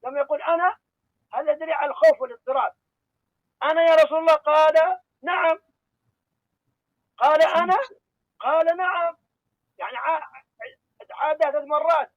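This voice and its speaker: Man, religious debate, explanatory, dry muffled call-in sound, high voice. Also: brisk, pauses often, dry recording. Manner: explanatory, pleads to finish his point.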